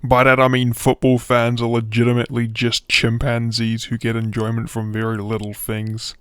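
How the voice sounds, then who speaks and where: A male YouTuber delivers a crude comedic rant in a sarcastic, mock-earnest tone. His voice sits at a mid pitch and is recorded close, in a dry space with no room sound. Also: monotone, moderate pace, a bit bright, clear, resonant tone, no room sound.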